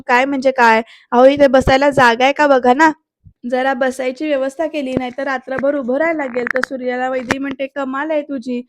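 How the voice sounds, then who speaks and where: A woman gives a voice-over recap of a TV serial episode, speaking straight to her viewers. Her voice sits high and stays fairly level. She reads the characters' dialogue aloud without much change in her tone. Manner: retells scenes, addressing viewers directly; reads characters' dialogue in quotes, mostly plainly.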